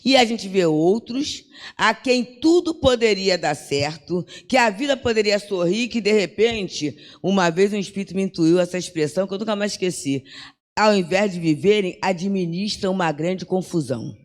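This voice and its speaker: A woman's voice: medium pitch, lively intonation, moderate pace. An older woman giving a religious lecture, talking in a conversational way with frequent tag questions and acted-out bits of dialogue. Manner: conversational, peppers with "né?", acts out dialogue. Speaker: spiritist lecturer. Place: lecture hall at a spiritist center. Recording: long hall reverb.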